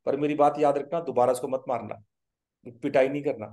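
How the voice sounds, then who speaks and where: Guy retelling it as a village holy man, soft warm tone, pleads then bosses people. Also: mid-range voice, fairly even intonation, fairly quick, lightly acted. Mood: stern. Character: grieving, commanding male village mystic.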